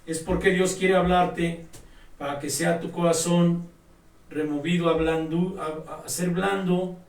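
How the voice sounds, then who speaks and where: Man, high voice, preaching an emphatic sermon, recorded from a distance in an echoey room. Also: fairly even intonation, measured pace. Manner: emphatic, exhorting, addresses listeners directly.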